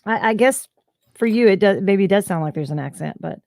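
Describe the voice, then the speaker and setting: Her mid-range voice is gravelly with a darkish tone, lively in intonation and a little fast. A voice actor guest from the Southern United States, she chats and tells stories with lots of fillers in a casual video-call interview, recorded in studio quality with no echo.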